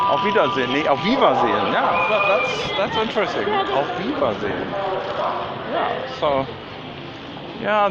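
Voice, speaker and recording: A man whose first language is German, musing aloud in a slow, meandering way with many fillers and restarts, recorded outdoors in a city by water. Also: fairly high pitch. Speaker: vlogger. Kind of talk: rambling spoken musing. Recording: loud outdoor noise, dull sound.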